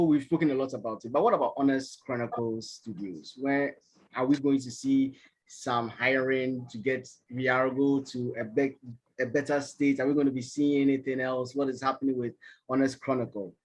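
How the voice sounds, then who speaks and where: A man's voice: mid-range voice, steady tone, moderate pace, low-quality recording. A man hosting an interview conversationally, with polite questions and courteous phrasing.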